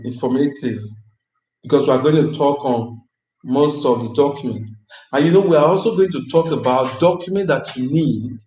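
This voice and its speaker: A man's voice: mid-range voice, darkish tone. Upbeat man hosting a live chat, roomy echo. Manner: repeats phrases, chatty and upbeat.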